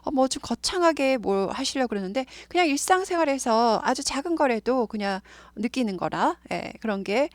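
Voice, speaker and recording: A woman teaching English grammar in a casual spoken lesson, chatty, with many fillers, slowly repeating words as she explains. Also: sits high, expressive, no room sound.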